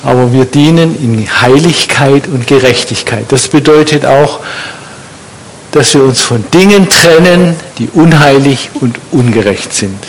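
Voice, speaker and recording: A man's voice: mid-range voice, a little slow, slight background noise, poor audio. A man preaching a sermon in a conversational way, putting questions to his congregation.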